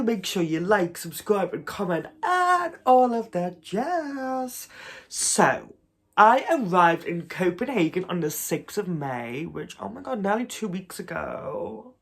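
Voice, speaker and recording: Slow-talking, gushing man vlogging. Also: on the high side. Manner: chatty and gushing, laughs often. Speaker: YouTuber. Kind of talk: casual vlog chat to camera.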